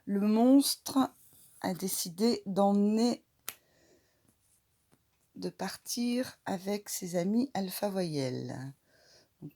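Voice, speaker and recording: A woman teacher, slowly demonstrating a reading activity and stretching out each sound. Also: on the low side, vocal fry, a little mellow. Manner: slow, deliberate, stretches out sounds.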